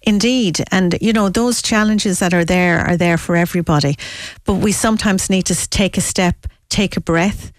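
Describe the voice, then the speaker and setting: A woman's voice: on the low side, normal speed, dry recording. A woman with a west of Ireland accent giving a promotional radio interview as a guest, emphatic and fond of repeating phrases for effect. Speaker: interview guest, business network representative.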